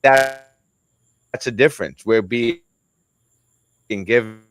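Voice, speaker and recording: A man hosting a casual chat over a video call, halting and restarting while his voice cuts in and out. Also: medium pitch, background noise. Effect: voice cutting in and out on a video call. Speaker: podcast host.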